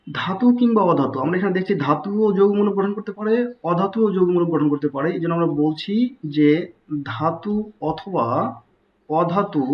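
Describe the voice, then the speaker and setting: Man, chemistry tutor, slightly high voice, patient step-by-step explaining, dull lo-fi recording. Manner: explains step by step, repeats key terms, many restarts. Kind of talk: recorded online tutorial lecture.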